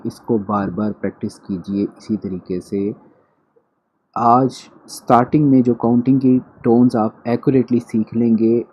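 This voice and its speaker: Slow, patient male language teacher. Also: fairly low pitch, breathy edge, muffled recording. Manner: slow, patient, repeats drills rhythmically. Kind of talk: online language lecture.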